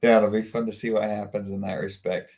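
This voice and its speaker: A man's voice: on the low side, flat delivery, fairly quick, a little mellow. A man joining a casual chat with laid-back, brief remarks.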